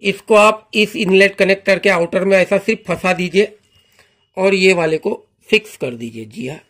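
On his own channel, a man demonstrates a car washer with a friendly teaching manner, falling back on the same stock phrase again and again. He speaks at a moderate pace in a high, fairly bright voice.

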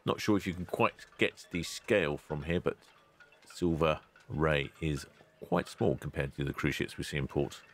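A man, hosting a ship-spotting channel in a relaxed, chatty voice-over with dry asides. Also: extremely low pitch, normal speed. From England. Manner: chatty, dry asides, loud cheery greetings.

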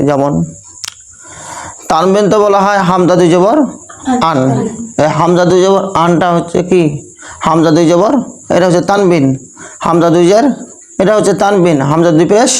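A man's voice: high-pitched, low-quality recording. A young Bangladeshi man teaching Quran recitation to a class, repeating each point and asking his students rhetorical questions. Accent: Bangladeshi Bengali. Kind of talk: classroom lesson with call-and-response.

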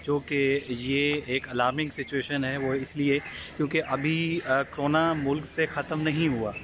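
A young man, vlogging casually to his phone outdoors and hesitating often with drawn-out fillers. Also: a little high, flat delivery. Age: young adult. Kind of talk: casual vlog to camera. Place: outdoors on a leafy residential street. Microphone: earphone mic, selfie phone at arm's length. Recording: street noise behind the voice.

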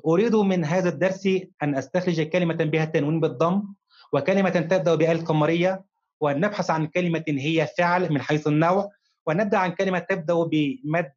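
A man teaching a recorded primary-school lesson, addressing his pupils fondly and slowing down to read examples word by word. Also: high-pitched. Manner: slow, careful dictation-style reading of examples. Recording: dull, lo-fi recording.

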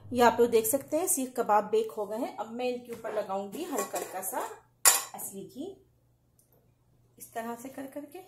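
A woman hosting a home cooking channel, calmly explaining each recipe step to viewers in a voice-over. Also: a little high, moderate pace, roomy sound, a little hiss or hum. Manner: calm step-by-step explaining, addresses viewers directly. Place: home kitchen.

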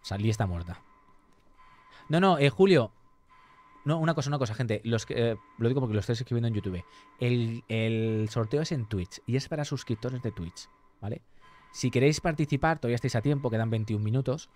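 A young man live-streams a game with commentary, chatting with viewers, reading their messages aloud and answering them, and swearing often. His voice is medium-pitched with a darkish tone, and he talks briskly.

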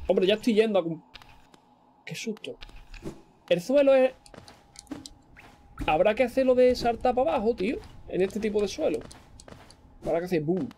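A young gaming streamer with an accent from Spain casually comments on his let's-play and jokes with his chat. His voice sits high and mellow, with lively intonation, a moderate pace and frequent pauses. There's slight background noise.

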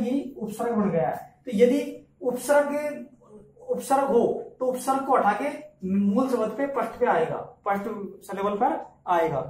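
A man teaching English pronunciation, who repeats words slowly and keeps asking his listeners questions. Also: extremely high pitch, a little mellow. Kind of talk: classroom lesson in Hindi. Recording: echoey room, from far off.

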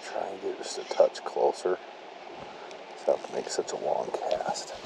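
A man talking casually while fly fishing outdoors by a mountain creek, breaking into excited exclamations over each fish. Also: deep voice, a little slow, gravelly, music in the background, low-quality recording. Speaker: fly fisherman filming his outing. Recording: stream noise, outdoor camera audio. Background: running stream.

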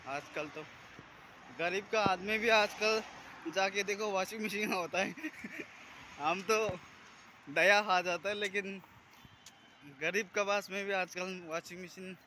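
A man's voice: high voice, steady tone, takes it slowly, long pauses, bright, forceful tone. Chatty man vlogging on a noisy street. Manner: chatty, rambling, clears throat often. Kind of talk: casual walking vlog. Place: outdoors on a sunny city street. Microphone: phone camera held at arm's length. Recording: noisy street traffic outdoors. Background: passing traffic.

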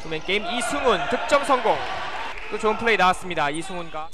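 A man calls a basketball game live in a very high, lively voice. He is excitable and breaks into shouts on scores. Loud gym noise and ball bounces sit behind him. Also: quick pace, crowd noise. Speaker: play-by-play sports commentator. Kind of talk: live basketball play-by-play commentary. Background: basketball court ambience, bouncing ball.

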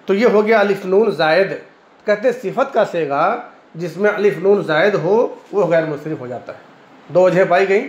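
A man teaching Arabic grammar in Hindi-Urdu with an Indian Urdu accent, a classroom lecture where he repeats each point and keeps checking in with "है ना", now and then clearing his throat. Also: sits high. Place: madrasa classroom. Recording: echoey room, dull lo-fi sound, faint hiss.

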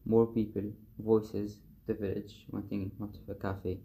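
A man reading a novel excerpt aloud in the first person, at a measured and steady pace. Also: lowish voice, slight background noise. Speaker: reader of a book excerpt.

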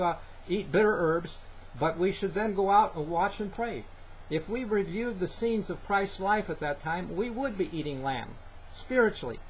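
An older man giving an earnest Bible teaching to a webcam in a small room, halting with fillers. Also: high-pitched, slight background noise, rough recording. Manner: earnest, halting, with many fillers and scripture citations. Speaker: preacher. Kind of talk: sermon-style Bible teaching. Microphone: webcam, head-and-shoulders framing.

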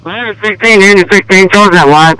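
A man's voice: high-pitched, fairly quick, pushed and bright, clear, resonant tone, no room sound. A male firefighter giving urgent, clipped reports over a two-way radio. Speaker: firefighter company officer. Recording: noisy vehicle radio transmission.

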